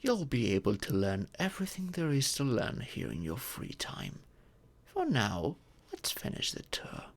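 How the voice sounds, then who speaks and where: A man performs a heavily acted monologue for an audio roleplay as a kindly old dragon in human shape. Slow and creaky, with widely swinging pitch, he explains things formally and patiently, warm as a doting parent.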